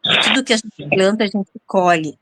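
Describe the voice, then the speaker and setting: A woman hosting a show, telling a story to her audience in a dramatic, animated way and often turning to speak to them directly. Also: medium pitch, normal speed, no echo. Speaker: show host and interviewer.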